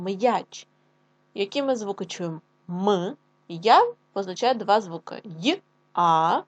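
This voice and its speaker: Casual slow-talking lady teacher, ukrainian accent, sounds words out one bit at a time. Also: medium pitch, muffled recording. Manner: slow, clear, drawn-out dictation with sounds spelled out. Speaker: primary school teacher. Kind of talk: classroom lesson.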